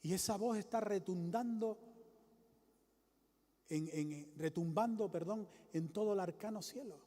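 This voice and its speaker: A man preaching a sermon with emphatic, repetitive lines that rise to loud exclamations and drop low again. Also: a little slow, big-room sound.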